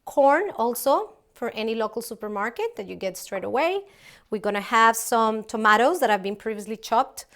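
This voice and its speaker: A woman's voice: fairly high pitch, very animated, normal speed, a bit bright. A middle-aged woman from Colombia, a company founder, casually presenting a cooking recipe in a large open kitchen, chatty with many ums and restarts.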